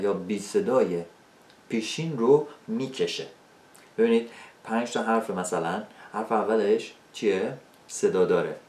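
A man with Persian as his first language teaching an English video lesson, asking rhetorical questions and slowing down for spoken examples. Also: fairly low pitch, darkish tone, echoey room.

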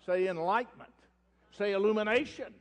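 A Southern US man preaching a fiery sermon as pastor, swinging from loud ranting to quiet scripture reading. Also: high-pitched, moderate pace. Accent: Oklahoma Southern US. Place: church sanctuary. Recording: long church hall reverb.

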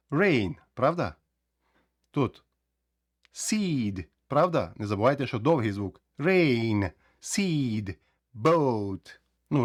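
A man teaching English pronunciation, lively, who says words slowly and repeats them often. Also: mid-range voice, no room sound, studio quality. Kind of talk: explaining pronunciation rules.

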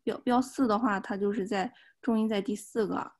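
A woman's voice: mid-range voice, fairly even intonation, moderate pace, noisy background. A woman teaching a beginners' language class over a video call, explaining patiently step by step. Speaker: Japanese teacher. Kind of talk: online class instruction.

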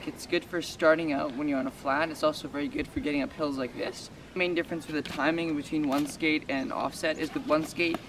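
Young man teaching skiing on a noisy trail. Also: on the high side. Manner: casual, explains step by step with fillers. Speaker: ski instructor. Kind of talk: outdoor instructional talk. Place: snowy outdoor ski trail. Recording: distant outdoor mic with noise.

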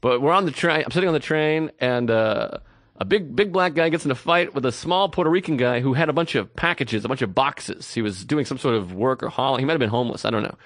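A man's voice: mid-range voice, fast, a bit bright, no echo, clean studio sound. A man co-hosting a podcast, telling stories in a rambling, casual comedic way and acting out what people said. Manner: rambling storytelling, acts out quotes. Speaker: podcast co-host.

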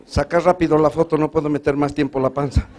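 Performing stand-up, a man from Bolivia speaks fast in a slightly high voice with little pitch movement, and the recording is very noisy. He spins folksy tales in a Bolivian Spanish accent, faking a stutter and switching voices for different characters.

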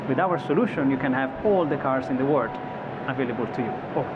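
A man's voice: mid-range voice, lively intonation, fast talker. A man in his thirties, an executive guest interviewed at a trade show studio set, speaking thoughtfully with frequent restarts and fillers. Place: broadcast studio set on a convention floor. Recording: slightly dull audio with clear background noise.

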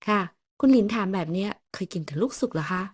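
A woman's voice: medium pitch, expressive, quick pace, husky, no room sound, studio quality. A woman voicing a friendly, fussing young housemaid in an audiobook, chatty and polite.

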